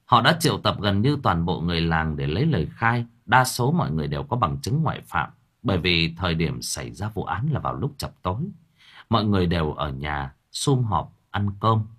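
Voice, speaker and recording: A man's voice: low voice, big pitch swings, a little fast, a bit bright, husky. A man narrating a horror story for an audiobook, with a dramatic, shifting delivery.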